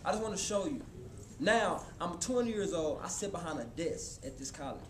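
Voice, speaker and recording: A man in his twenties giving a motivational talk to a live college audience, casual and animated, speaking straight to the crowd. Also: a little high, normal speed. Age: 20s. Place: college hall before an audience. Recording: echoey hall with room noise.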